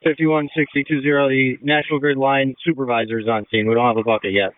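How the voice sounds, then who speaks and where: A man's voice: mid-range voice, little pitch movement, quick pace, clean tone, no echo. A man, a firefighter at the scene, giving status reports over the radio. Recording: tinny narrowband radio.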